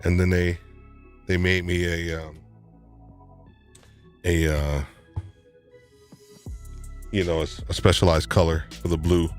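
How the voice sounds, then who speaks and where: Deep-voiced New man, rambling host. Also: flat delivery, slow, pauses often, faint music behind. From New York. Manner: rambling, with frequent restarts and repeated words. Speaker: live stream host. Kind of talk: casual live stream chat.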